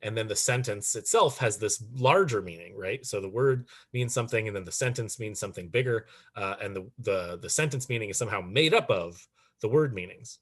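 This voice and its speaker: A man teaching a philosophy lecture in a relaxed, chatty way, with many fillers and restarts. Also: fairly low pitch, a little fast, slightly rough. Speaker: philosophy instructor. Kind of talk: recorded online lecture.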